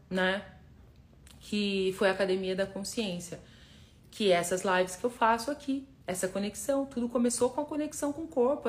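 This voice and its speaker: A woman hosting a casual motivational live stream, talking straight to her viewers, emphatic and repeating words for force. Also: on the high side. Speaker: live-stream host, personal development facilitator.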